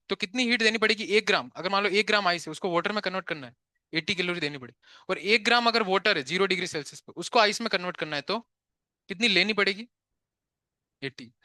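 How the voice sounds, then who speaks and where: A man with a high, bright, forceful voice teaches physics to a live class in Hindi sprinkled with English terms, chatting away and quickly telling students to quit talking and pay attention. He poses questions and answers them himself. The recording is dry, with clean studio sound.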